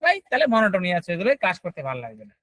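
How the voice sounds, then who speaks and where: A man's voice: high voice, wildly swooping pitch, rapid-fire, fairly bright tone, rough recording. A man teaching an online class, explaining step by step and often checking whether students follow.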